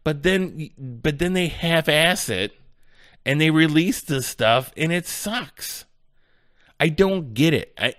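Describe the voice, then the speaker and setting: Podcast host, male, mid-pitched voice, rambling rant, dry close recording. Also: fairly bright tone, no echo. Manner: rambling, exasperated ranting. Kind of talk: casual solo podcast talk.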